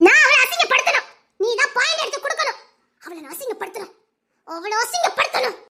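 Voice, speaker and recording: A woman's voice: very high voice, lively intonation, fast, pushed and bright, full character voice. A woman with a Tirunelveli Tamil accent playing a scheming, vengeful woman who gloats and repeats her threats. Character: scheming vengeful woman bent on shaming rival.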